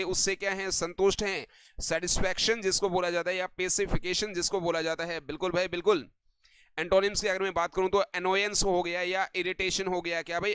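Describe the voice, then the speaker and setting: A man with a high, smooth, ringing voice runs an online vocabulary lesson. He keeps repeating stock affirmations and throws quick questions at his viewers. The sound is close and dry, with no room around it. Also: fairly bright tone, dry recording. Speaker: English vocabulary teacher.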